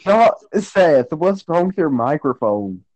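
A young man in casual call chat with friends, playful and mocking, firing off quick jabs. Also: fairly high pitch, very animated, background noise. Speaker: podcast co-host.

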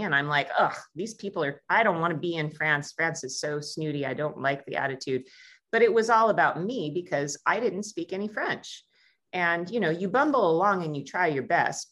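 An American woman who hosts a travel talk show, telling a story and acting out the voices in it. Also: lowish voice. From United States. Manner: animated, acts out quoted voices. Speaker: travel show host and tour guide. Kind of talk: casual conversational storytelling.

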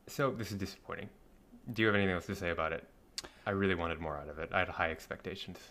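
A man's voice: deep voice, steady tone, racing, bright, forceful tone. A man co-hosting a podcast who reviews a movie in casual chat with dry, sarcastic quips. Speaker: podcast co-host.

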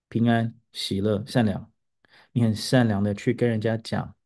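A male teacher hosts a casual talk show, recounting a classroom moment with growing excitement. He sounds out simple English words to show how intonation shifts, and his voice climbs as the story builds. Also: gravelly. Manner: animated storytelling, pitch rising as he gets excited; demonstrates English word intonation aloud. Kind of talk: casual podcast monologue.

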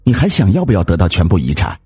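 A man's voice: wildly swooping pitch, fast talker, darkish tone, husky, dry recording, exaggerated voice. A man voicing a greedy, scheming wife who bosses and scolds her timid husband. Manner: scolding, bossy, shrill. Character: scheming greedy wife, woman, sharp-tongued.

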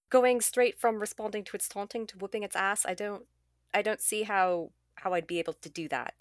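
A woman's voice: mid-range voice, fairly even intonation, moderate pace, no echo, clean studio sound. A woman chatting casually as a tabletop game player, with a wry, sarcastic way of talking.

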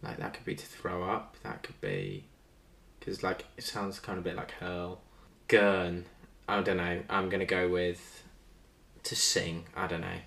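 A man's voice: deep voice, unhurried, vocal fry, fairly bright tone, reverberant. A man in a casual chat, good-humoured and self-mocking as he guesses words. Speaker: vlogger being quizzed.

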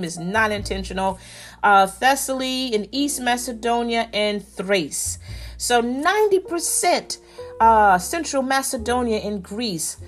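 A woman hosting a podcast, reading out listener locations in a casual way, stumbling over names and apologizing. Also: on the high side. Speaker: podcast host. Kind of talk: casual listener shout-outs.

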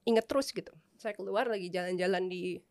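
A woman's voice: on the low side, fairly quick. A woman from Indonesia, a guest in a casual interview, who tells stories animatedly and laughs often. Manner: animated, laughs often, acts out remembered dialogue.

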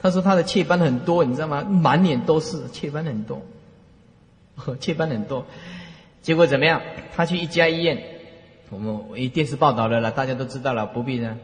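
A man's voice: medium pitch, fairly quick. A man with a Taiwanese Mandarin accent giving a lecture to students, telling stories with lots of repeated phrases. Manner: animated storyteller who repeats phrases. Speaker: Buddhist lecturer. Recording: long reverb hall.

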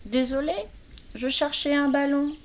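A woman's voice: high voice, little pitch movement, a little slow, slight background noise, voice pushed up. A woman voicing a small scruffy bear cub in a storybook reading, earnest and a bit flustered, with birdsong behind.

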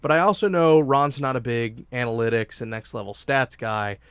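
A man co-hosting a sports talk show, arguing his opinions emphatically with quick restarts. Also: medium pitch, fairly bright tone, clean tone, no echo.

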